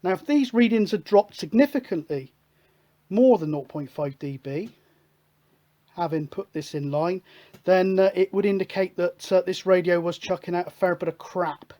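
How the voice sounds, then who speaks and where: In an informal technical demonstration, a hobbyist radio show host speaks at a normal speed in a warm, medium-pitched voice. His delivery is relaxed and conversational, like someone figuring things out at the bench.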